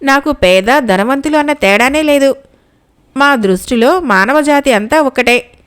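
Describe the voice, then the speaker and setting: A woman storyteller voicing a young prince in a folk tale, courteous and self-assured, a little lower than her narrating voice. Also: expressive, unhurried, a bit bright. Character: young noble prince, calm and brave.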